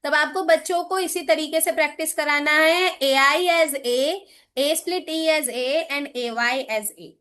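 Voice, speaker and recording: A woman's voice: high-pitched, fairly bright tone. A woman with an Indian English accent giving a classroom lecture as a teacher trainer, explaining patiently and often checking that her listeners follow. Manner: patient, explanatory, asks frequent check questions.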